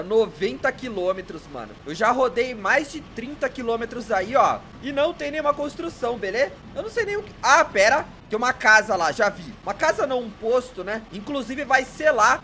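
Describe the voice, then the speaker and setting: A young man with a Brazilian accent giving casual gameplay commentary, exasperated and loud, full of slangy filler words. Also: high voice, a little hiss or hum. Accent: Brazilian Portuguese. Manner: exasperated, complaining about bugs. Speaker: gamer.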